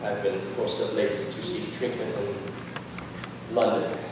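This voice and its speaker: A man playing a brooding, tormented young uncle in formal, halting theatrical stage acting. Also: medium pitch, big pitch swings, noisy background. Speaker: actor in a stage musical. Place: school theatre stage, audience recording. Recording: echoey hall from far off.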